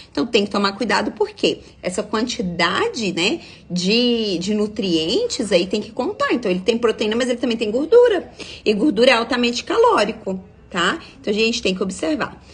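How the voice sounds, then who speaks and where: A young adult woman, her voice a bit high and husky. She explains nutrition like a nutritionist on a live stream, stopping often to check that her viewers are following. She also answers her viewers' comments as she goes. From Minas Gerais, Brazil. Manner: explanatory, checks in with frequent tag questions.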